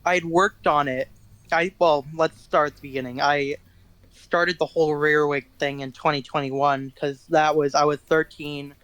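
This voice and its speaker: A man's voice: on the high side, steady tone, normal speed, fairly bright tone, clean tone, no room sound. A teenage boy, guest musician in an interview, telling rambling self-deprecating stories in casual chat. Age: teens.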